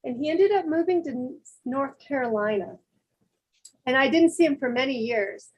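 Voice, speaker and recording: A woman in casual chat, telling a lively personal anecdote. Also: high-pitched, moderate pace, highs cut off, slight background noise.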